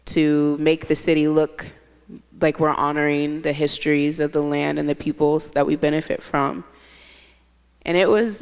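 A woman's voice: low-pitched, clear, resonant tone. A young woman from Indiana interviewing a guest onstage, earnest and building her points in lists, speaking into a handheld mic. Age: young adult. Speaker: interviewer, host. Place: large hall stage, seated. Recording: long hall reverb.

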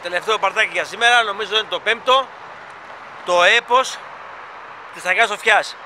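A man's voice: sits high, pushed and bright. Chatty Greek man on a noisy site. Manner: chatty, enthusiastic, addresses viewers as "guys". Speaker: fan vlogger filming a stadium construction site. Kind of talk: casual handheld vlog commentary. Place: outdoors at a construction site. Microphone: camera mic, filming handheld. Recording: outdoor site noise behind.

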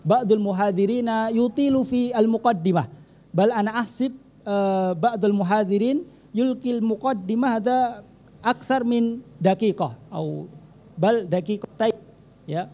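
Measured Indonesian man giving critique. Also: sits high, mellow. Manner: deliberate and measured, with frequent hesitations. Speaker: teacher giving feedback on student speeches. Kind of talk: formal critique read from notes, mixing Arabic and Indonesian.

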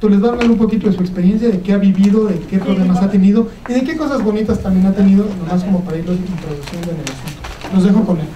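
A woman's voice: mid-range voice, very fast, highs cut off. A woman giving an informal spoken introduction as an event presenter. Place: university lecture room. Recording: echoey room, distant mic, background noise.

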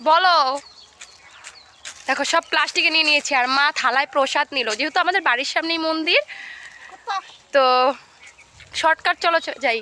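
A woman's voice: sits high, a little fast, long pauses, sharp tone, a little hiss or hum. A woman vlogger chatting to her viewers outdoors near a temple, filming herself on a handheld phone. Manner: chatty, addresses viewers, about to sneeze. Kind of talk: casual on-the-spot vlog talk.

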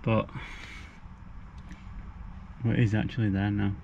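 A young man chatting casually for a travel vlog from inside a car, relaxed and using British slang. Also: on the low side, a little slow, vocal fry, heavy background noise. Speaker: vlogger. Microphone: camera on dashboard. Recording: dull lo-fi sound with loud music.

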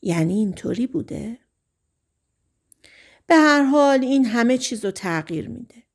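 A woman voicing a skeptical, measured male sheriff in an audiobook, asking slow, doubting questions. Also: fairly high pitch, animated.

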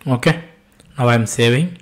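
At a moderate pace, a man with an Indian accent and a mid-range voice guides learners step by step through software in an unscripted screen-share tutorial. He tends to repeat phrases and to ask himself brief questions, then answer them.

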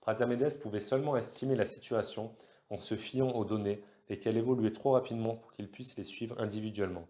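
A man narrating a science-fiction novel in a steady, measured audiobook reading. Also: on the low side.

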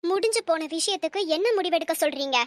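A woman voicing a cold, defiant young wife in an animated cartoon, speaking in sharp, cutting retorts. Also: very high voice, fast talker, dry recording, clean studio sound. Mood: angry, scornful.

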